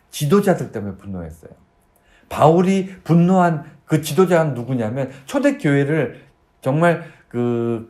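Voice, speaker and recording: A man's voice: on the high side, dark tone. A male pastor preaching a sermon, earnestly asking his congregation questions, with frequent fillers and restarts.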